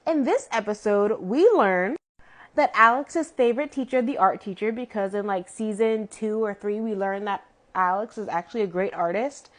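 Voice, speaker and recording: A woman's voice: medium pitch, moderate pace. A woman giving a casual, opinionated recap of a TV episode, chatty and full of "like" fillers, with exasperated asides. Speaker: TV show reviewer.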